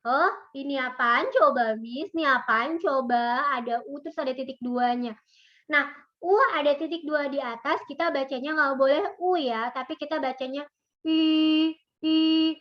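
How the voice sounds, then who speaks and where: A woman teaching a recorded online language lesson, drilling sounds with loud, drawn-out repetitions. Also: high-pitched. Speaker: Mandarin teacher. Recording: dull lo-fi recording.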